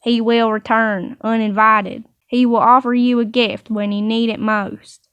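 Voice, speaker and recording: A woman voicing a hulking, scarred stranger who gives a slow, grave warning in a story reading. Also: a little high, little pitch movement, fairly bright tone, clear, resonant tone, no echo. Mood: ominous.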